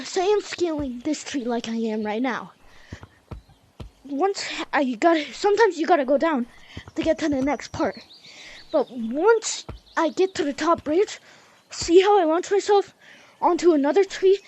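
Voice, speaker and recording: A young woman with a high voice talks through game moves in a loose, chatty way, dropping y'all and like as she goes. She sounds a little out of breath. A faint hiss of noise sits under the voice. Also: animated, a little slow, pauses often, darkish tone. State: a bit out of breath. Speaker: gaming tutorial host. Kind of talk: casual game tutorial.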